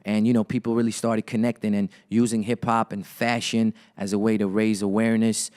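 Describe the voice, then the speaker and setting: Young rapper dude in an interview, low flat voice, laid back with slang, kinda repeats himself. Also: male voice, a little fast, smooth. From Los Angeles area, Armenian heritage. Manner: laid-back hip-hop slang, repeats words as he thinks. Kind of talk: casual interview talk.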